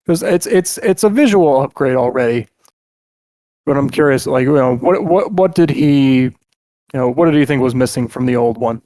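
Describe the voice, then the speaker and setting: A man's voice: medium pitch, expressive, normal speed, warm tone, dry recording. A man hosting a podcast, musing casually with hesitant restarts. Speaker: podcast host. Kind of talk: casual chat.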